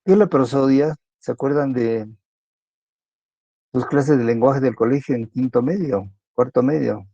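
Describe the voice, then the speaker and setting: A man's voice: mid-range voice, measured pace, vocal fry, mellow, dry recording. A man giving a university lecture in a chatty way, often ending sentences with a question. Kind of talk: online class lecture. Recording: dull lo-fi recording.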